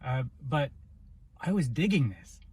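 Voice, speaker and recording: A man's voice: mid-range voice, big pitch swings, unhurried, mellow, husky. A man co-hosting a casual movie review chat, telling the story in a loose, rambling way. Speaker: podcast co-host.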